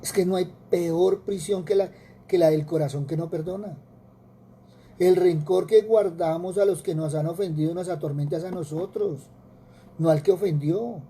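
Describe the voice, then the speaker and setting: A man's voice: high-pitched, moderate pace, warm tone, breathy edge. A man with a Colombian Spanish accent preaching a sermon, earnest, with repetitions and rhetorical questions.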